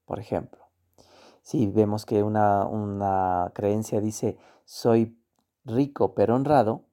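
A man teaching a course, with a low, mellow voice. He talks emphatically and repeats key words for effect. Now and then he acts out the voices of the people he quotes. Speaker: course instructor. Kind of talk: motivational teaching on money beliefs.

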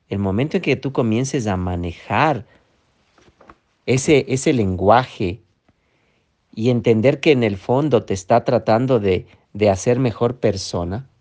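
A man's voice: mid-range voice, a little mellow. A man giving a motivational talk as a coach, often checking in with his listeners. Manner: coaxing, frequent checking "¿sí?".

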